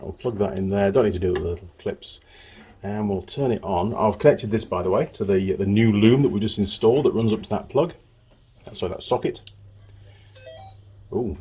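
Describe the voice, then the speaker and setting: A man with a fairly low, warm voice chats casually with viewers while working with his hands, thinking aloud like a motorbike mechanic hosting a workshop vlog. The recording carries a little hiss or hum.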